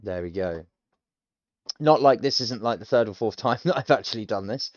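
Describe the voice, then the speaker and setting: This chatty UK streamer in his thirties talks through a language course, thinking aloud with rambling, self-deprecating humor. His voice sits on the low side and is animated at a moderate pace. The recording is dry with the highs cut off and soft background music.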